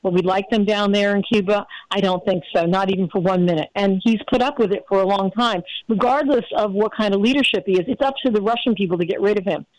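A woman's voice: medium pitch, fast talker, hardly any pauses, a little mellow, dry recording, low-quality recording. A middle-aged woman hosting a radio talk show, speaking bluntly in a rambling way with lots of fillers. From United States. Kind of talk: casual opinion chat.

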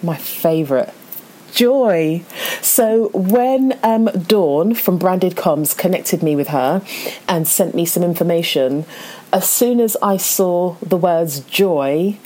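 Female podcast host, encouraging, slightly low voice. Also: slow. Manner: warm, enthusiastic, encouraging. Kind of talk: podcast interview.

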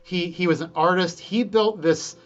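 A man telling stories from his engineering career in a casual conversation, lively and quick to act out the people he quotes. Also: sits high, highs cut off. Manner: animated storyteller, quick to quote himself and others. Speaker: guest engineer.

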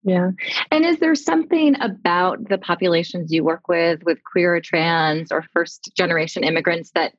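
A woman hosts an interview and asks her guest curious, measured questions. Her voice sits low. The sound is dry and a bit muffled. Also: no room sound. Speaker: podcast interviewer.

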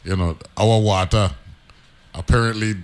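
Chatty Crucian man with a low voice. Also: fairly even intonation, unhurried, smooth. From St. Croix, US Virgin Islands. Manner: chatty, repeats words, playful teasing. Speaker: radio show host. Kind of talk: casual radio talk show.

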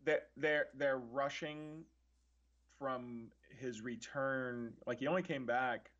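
A man's voice: mid-range voice, slow pace, fairly bright tone, dull audio. A man co-hosting a casual wrestling review podcast, earnest and analytical, often restarting his sentences as he thinks aloud. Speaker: podcast co-host.

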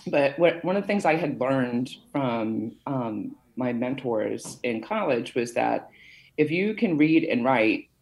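A woman's voice: a bass voice, animated, slow pace, a little mellow, low-quality recording. A middle-aged woman from Massachusetts, a podcast guest telling her career story in a chatty way with many fillers. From Massachusetts, USA. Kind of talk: conversational interview.

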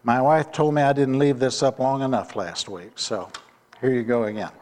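A man, the pastor, preaching a sermon deliberately and asking the congregation rhetorical questions. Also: medium pitch, darkish tone. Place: church sanctuary. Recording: long reverb of a church hall.

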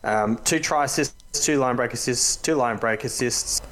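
A man's voice: mid-range voice, normal speed, a bit bright, poor audio. A man hosting a casual, matey and slangy fantasy rugby league chat. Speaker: podcast host.

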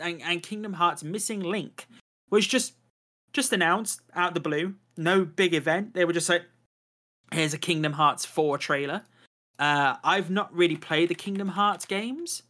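A man's voice: a little high, bright, forceful tone. A man hosting a casual podcast chat, rambling with lots of fillers and a habit of saying "to be honest". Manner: chatty, many fillers, "to be honest". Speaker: podcast host.

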